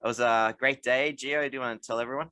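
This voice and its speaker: A man's voice: medium pitch, fairly even intonation, fast talker, pushed and bright, clean tone, dry recording. A man with an Australian accent who hosts a casual podcast and leads the talk by putting questions to his co-hosts. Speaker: podcast host.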